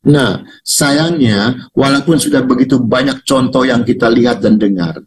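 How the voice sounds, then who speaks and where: An older man preaching a sermon over a video call, swinging from loud, mocking highs to low, quiet asides. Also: moderate pace, slight background noise, low-quality recording. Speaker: pastor.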